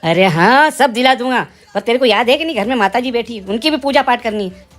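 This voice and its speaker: A woman's voice: a little high, animated, close to an everyday voice. A woman playing a weary placating father. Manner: placating and hurried. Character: weary Indian father, placating his wife. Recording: light music underneath.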